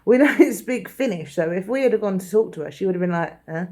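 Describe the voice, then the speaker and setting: A woman's voice: medium pitch, expressive, warm tone. A woman from London chatting casually with a friend on a vlog, recounting trip details. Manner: chatty, quick interjections. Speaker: vlogger. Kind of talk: casual chat.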